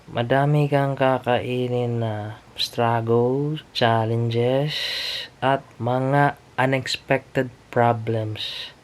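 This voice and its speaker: Hushed young Cebuano man vlogging. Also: mid-range voice. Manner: hushed, earnest, sighing. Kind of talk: quiet late-night vlog confession. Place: home at night.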